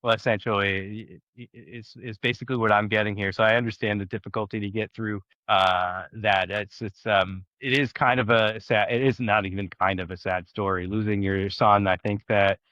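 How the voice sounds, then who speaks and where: A low-voiced man hosting a podcast who answers with sympathy, stumbling and restarting as he searches for words. The recording is dry and a little dull, as if from a modest mic. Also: steady tone, moderate pace, hardly any pauses, bright, forceful tone, no echo. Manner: hesitant, sympathetic, full of restarts. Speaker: podcast host. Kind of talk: casual chat.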